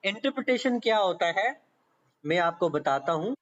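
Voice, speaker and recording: At a normal speed and with an animated voice that sits high, a Pakistani-accented law lecturer walks students through material for exams. He is conversational, repetitive and methodical, checking in with them frequently, on dull, lo-fi lecture audio.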